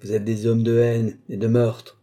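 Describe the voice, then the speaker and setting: A man's voice: fairly low pitch, moderate pace, warm tone, husky. A man voicing a stern medieval monk who condemns two feuding lords in a firm, severe voice.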